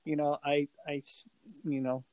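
A man in his forties co-hosts a podcast in casual, reflective chat, full of fillers and restarts. His voice sits a little high with little pitch movement, a darkish tone, and a normal pace. The low-quality recording has no room sound.

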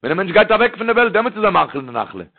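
Gravelly man preaching over a tinny line. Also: high voice, big pitch swings, rapid-fire. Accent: Yiddish. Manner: rambling, repetitive, addresses the listener with "verstehst du". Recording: tinny phone-like recording.

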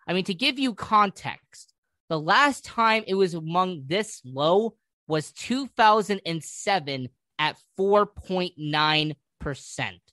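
Male sports radio host, unhurried and emphatic, rhetorical, very dry sound. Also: sits high, expressive, pushed and bright, dry recording. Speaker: sports talk show host. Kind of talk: sports commentary to listeners.

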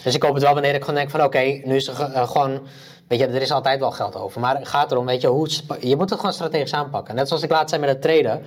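A man co-hosting a podcast, chatting casually with a lively, enthusiastic delivery and many restarts. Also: medium pitch, very fast. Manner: animated, enthusiastic, lots of restarts. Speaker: podcast co-host. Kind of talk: casual chat.

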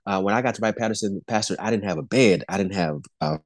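Speaking quickly in a lowish voice with no room sound, this podcast guest is a man in his forties who serves as both pastor and Air Force airman. His faith testimony comes across as earnest, full of restarts, repeated words and little chuckles.

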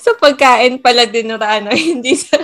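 A woman's voice: on the high side, normal speed, fairly bright tone. A woman co-hosting a casual Taglish podcast, upbeat and moving the talk along. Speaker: podcast co-host.

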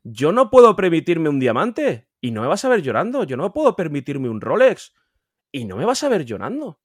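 A man from Spain with a Spain Spanish accent, a collector guest talking casually on a podcast, emphatic and animated, repeating words and swearing freely. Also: moderate pace, dry recording, studio quality. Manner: animated, pitch jumping up when insisting. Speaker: guest, video game collector.

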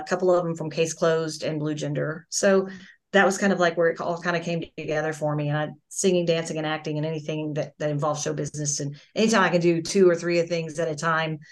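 Over a video call, a deep-voiced middle-aged woman who works as a voice actress and singer chats as a guest in a casual interview. She tells stories but keeps restarting them.

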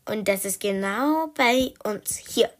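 A woman's voice: mid-range voice, expressive, takes it slowly. A woman voicing a restless female shelter cat who talks in a bossy, urgent way, in a storybook.

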